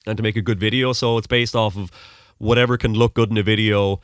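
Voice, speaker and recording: Being interviewed in a casual conversation, a young podcast host from Mullingar, Westmeath, Ireland answers in a rambling way full of ums. His Irish accent is fairly neutral, with American-sounding notes to some ears. He speaks quickly in a fairly low, smooth voice with fairly even intonation, and the studio recording is dry and clean.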